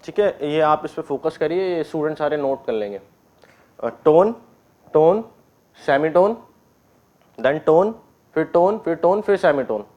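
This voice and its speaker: A man teaching an online keyboard class, explaining step by step, often clearing his throat and checking that students follow. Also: on the high side, animated, a little slow, long pauses, darkish tone. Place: indoors with keyboard and board.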